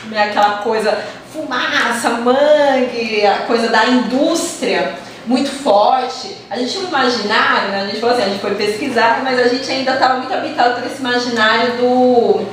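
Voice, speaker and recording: A Brazilian woman from a theater project talking casually and lively about her research. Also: fairly high pitch, normal speed, a little hiss or hum. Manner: talkative, animated, acts out quoted voices. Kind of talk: casual conversation. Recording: echoey room, distant mic.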